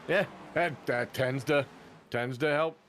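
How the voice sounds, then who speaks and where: A male race commentator with a medium-pitched voice talks through the action in a loose, joking way. He breaks into sudden bursts of excitement when a pass is on. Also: a little hiss or hum. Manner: chatty and jokey, with quick bursts of excitement. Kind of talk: casual play-by-play commentary.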